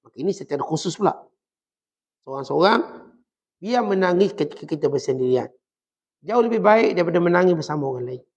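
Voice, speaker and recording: Malaysian male religious teacher, gravelly voice, chatty lecture style, muffled lo-fi recording. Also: on the high side, animated, brisk, long pauses, darkish tone. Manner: conversational, humorous examples, talks to his listeners. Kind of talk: mosque lecture on Sufism.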